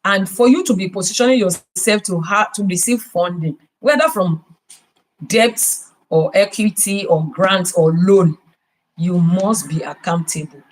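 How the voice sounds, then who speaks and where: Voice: mid-range voice, a little slow, poor audio. A podcast host with a Nigerian accent giving business advice, emphatic and full of rhetorical questions. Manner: emphatic, repeats key words.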